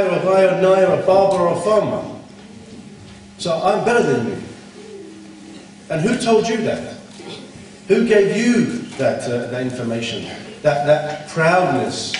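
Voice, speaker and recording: In a conference hall, a man speaking in a slightly mellow, rather high voice delivers a blunt, reproachful Islamic talk built around rhetorical questions. The sound comes from far off with hall echo and slight background noise.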